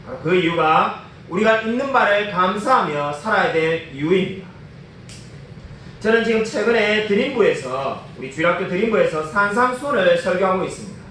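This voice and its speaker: A man's voice: high voice, fairly bright tone, a little hiss or hum. A man preaching a sermon as a pastor in a church, with emphatic delivery and many rhetorical questions. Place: church sanctuary. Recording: echoey church, mic at a distance.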